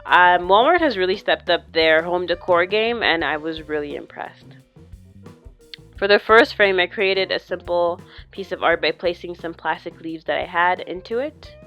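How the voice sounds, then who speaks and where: Bright, forceful young woman vlogger. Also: lowish voice, muffled recording. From lives in Canada. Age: young adult. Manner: chatty, instructional, addressing viewers. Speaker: home decor vlogger. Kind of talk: upbeat YouTube vlogger narration, explaining DIY projects.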